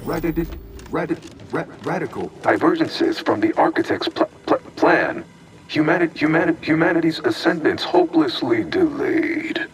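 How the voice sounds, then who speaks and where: A man's voice: a little high, huge pitch swings, normal speed, recorded from a distance, low-quality recording. A man voicing a male archive computer AI that glitches, stuttering broken syllables and repeating error words between clipped, formal machine announcements. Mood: glitching. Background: game music.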